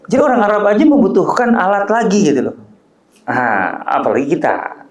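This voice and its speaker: Male preacher, a bit high-pitched; casual and joking with emphatic rises; reverberant room. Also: wildly swooping pitch, fairly quick. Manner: joking, conversational, rising emphatic peaks. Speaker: Islamic preacher. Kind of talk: religious study talk. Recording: roomy echo.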